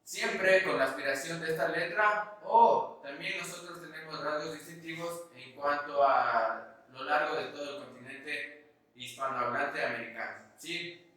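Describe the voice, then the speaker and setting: A man from the Ecuadorian highlands with a highland accent, teaching a class and checking understanding with frequent "¿sí?". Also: unhurried, pushed and bright. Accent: Ecuadorian highland Spanish. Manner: explains step by step, often checking with "¿sí?". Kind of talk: recorded class lecture. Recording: echoey room, voice from a distance.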